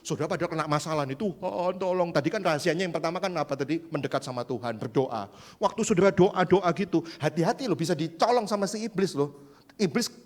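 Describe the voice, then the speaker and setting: A male pastor delivers a youth sermon with a high voice that carries through a large church hall. The long reverb trails after his words. He is animated and joking, and he mimics voices as he preaches. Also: fast. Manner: lively, joking, acts out quoted voices.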